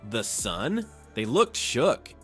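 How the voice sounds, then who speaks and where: A man's voice: mid-range voice, sing-song, takes it slowly, fairly bright tone, breathy edge, soft background music. A man narrating scripted sports hype like a sensational tabloid TV host, with dramatic teasers and rhetorical questions. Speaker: sports highlights video narrator.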